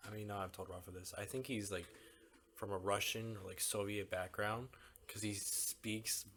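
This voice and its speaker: Low-voiced young man telling rambling stories. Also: fairly even intonation, normal speed, a bit bright, a little hiss or hum. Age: young adult. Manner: rambling storyteller, drops into quoted voices. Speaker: podcast co-host. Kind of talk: casual chat.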